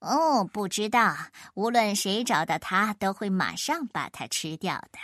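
A woman's voice: mid-range voice, lively intonation, unhurried, a bit bright, no room sound, studio quality, voice pushed down. Give me a woman playing a greedy, offhand storybook crow. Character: greedy crow resting on a rock.

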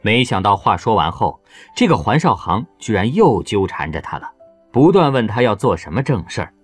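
Deep-voiced male audiobook narrator. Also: very animated, normal speed, slightly rough, dry recording, soft background music. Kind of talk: scripted narration.

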